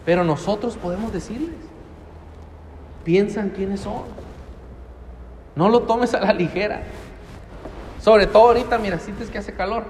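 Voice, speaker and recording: A man's voice: sits high, measured pace, pauses often, darkish tone, a little hiss or hum. A middle-aged man with a Mexican accent preaching a sermon in a church hall, emphatic and full of rhetorical questions. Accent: Mexican Spanish. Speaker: pastor. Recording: long church hall reverb.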